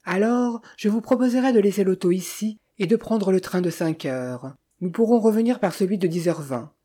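A reader voicing a cheerful, pushy Italian man with a brisk, persuasive manner in an audiobook. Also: medium pitch, warm tone, close to an everyday voice. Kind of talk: audiobook character voice.

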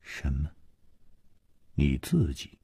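A man voicing a calm, shrewd male hero who speaks in a measured, steady way. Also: extremely low pitch, vocal fry, breathy edge, no echo, clean studio sound, voice pushed down, exaggerated voice.

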